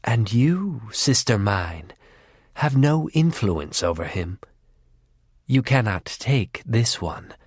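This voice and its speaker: Taunting bloodthirsty faery woman, done by a man, low menacing murmur, slow, dead dry sound. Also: very animated, breathy edge, no room sound, heavily acted. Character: cruel war-loving female faery, sister.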